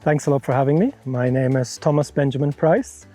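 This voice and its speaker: A man's voice: mid-range voice, brisk, dark tone, soft background music. A middle-aged man from Europe, founder of a conservation center, answering interview questions frankly and laying out worked examples.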